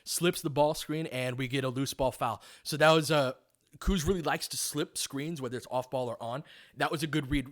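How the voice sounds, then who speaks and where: Calling a basketball game live, a man with a medium-pitched, slightly bright voice follows every play as it happens. His tone is informal, full of partisan fan asides, and he breaks down tactics in coaching detail.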